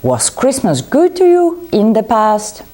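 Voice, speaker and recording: A woman's voice: fairly high pitch, huge pitch swings, slow pace, mellow, pitched above the performer's own voice, heavily acted. A woman voicing a grumpy, miserly old man in a storybook reading, snapping out scornful retorts. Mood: angry.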